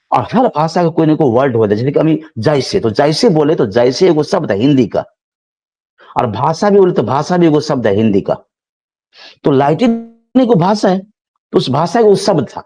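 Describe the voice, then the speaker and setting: A man's voice: on the high side, warm tone. A man teaching a biology class, repeating himself and explaining everyday examples, speaking a touch. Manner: repetitive, explaining with everyday examples, addresses students as children. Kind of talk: classroom lecture.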